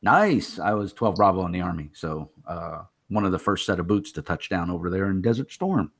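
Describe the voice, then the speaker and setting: A low-voiced, husky man hosts a loose interview chat. He teases his guests and laughs a lot as he talks. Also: expressive, a little fast. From Texas. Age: 50s. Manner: joking, teasing, laughs often. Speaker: host.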